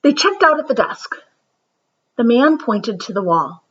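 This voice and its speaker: A woman reads a children's picture book aloud in a high, lively yet husky voice, going a little slow. Her animated, dramatic storytelling includes whispered asides, and the recording is somewhat lo-fi.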